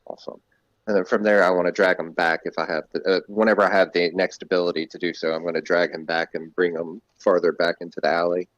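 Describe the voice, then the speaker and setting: A man talking hesitantly and deliberately as a player in a casual tabletop game. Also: sits low, flat delivery, no echo, muffled recording.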